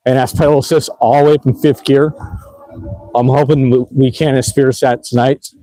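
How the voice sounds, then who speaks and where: A man's voice: medium pitch, level tone, normal speed, mellow, no room sound, rough recording. A man, casually narrating a livestream while riding an e-bike through city streets at night, rambling with lots of fillers. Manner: rambling, laid-back, lots of fillers and laughs. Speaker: e-bike vlogger.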